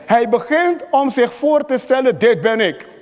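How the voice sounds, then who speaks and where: A man preaches with rising fervor, calling out to the congregation for amens. His voice sits very high. The sound carries a long reverb, as in a large hall. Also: expressive, measured pace. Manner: fervent, rises to shouting at climaxes. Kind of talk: sermon.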